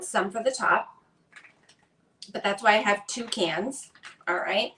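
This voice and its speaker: A woman's voice: on the high side, pushed and bright, a little hiss or hum. A woman with a Boston accent doing a chatty, upbeat live cooking demonstration in a home kitchen. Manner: upbeat, chatty, talks to viewers while working. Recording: echoey kitchen, mic at a distance.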